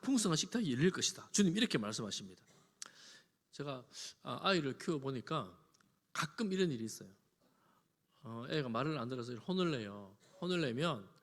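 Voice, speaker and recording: A man, a pastor, preaching a sermon. He moves from loud emphasis to soft, conversational asides with homely examples. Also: fairly high pitch. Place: church sanctuary. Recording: long reverb of a church hall.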